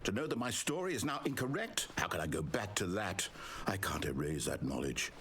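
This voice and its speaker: A man's voice: big pitch swings, fairly quick, fairly bright tone, a little hiss or hum. An actor playing a controlling male video game narrator, proud of his story, with precise, theatrical delivery. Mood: distraught. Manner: precise, theatrical delivery with wild swings in pitch. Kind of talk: scripted video game voice acting.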